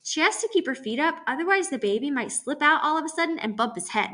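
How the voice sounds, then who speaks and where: Woman reading a storybook as a blurting little girl, bright and high. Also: animated, quick pace. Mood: eager. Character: small chatty girl, blunt and eager.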